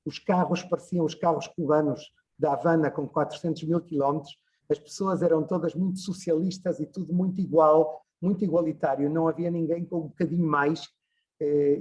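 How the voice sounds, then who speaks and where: A man's voice: fairly high pitch, a little mellow, husky, highs cut off. A man, giving an online lecture as a journalist, talking discursively with frequent hesitations over a video call. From Portugal.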